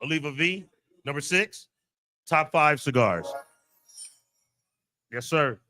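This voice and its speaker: A man hosting a podcast, chatting casually and quizzing his co-hosts on their picks. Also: a little high. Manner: relaxed banter, running through picks with quick questions. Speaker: podcast host. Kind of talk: casual chat.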